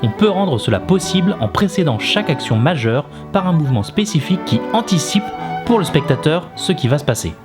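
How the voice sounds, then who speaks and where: A man's voice: on the high side, big pitch swings, brisk, music in the background. A man hosting an animation lesson, explaining things in a casual, informal way and often adding little tag words. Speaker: animation teacher and video host.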